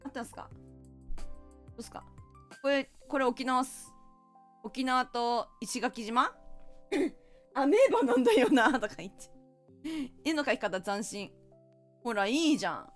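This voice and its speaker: A woman's voice: high voice, sing-song, a little slow, pauses often, faint music behind. A woman streamer chatting casually while playing a party game, playful and teasing with mock-indignant outbursts.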